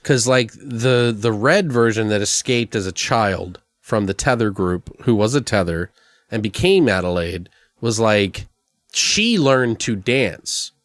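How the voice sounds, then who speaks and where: A man's voice: on the low side, animated, a little slow, no echo. A man co-hosting a podcast, chatting loosely about a film and swearing freely. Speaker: podcast co-host. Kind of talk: casual film review chat.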